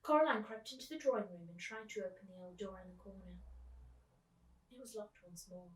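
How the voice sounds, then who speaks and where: A woman with a mid-range voice reads a children's book aloud in storytime style, moving at a brisk pace. She's a teacher acting as storytime reader, recorded from a distance, away from the mic, in an echoey room.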